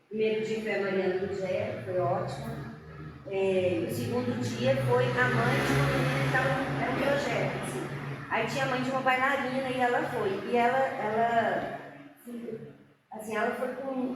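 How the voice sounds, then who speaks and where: Woman w/ a chatting about her show, jumps into voices when she quotes people, sounds far off in a big echoey hall. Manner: animated, acts out quoted lines with big pitch jumps. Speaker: actress talking about her solo show. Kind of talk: casual storytelling chat.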